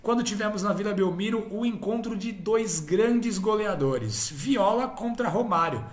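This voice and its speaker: A man's voice: high voice, expressive, measured pace. Chatty man recounting football history, echoey room. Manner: chatty, frequent tag questions. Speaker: host. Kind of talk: casual football history talk.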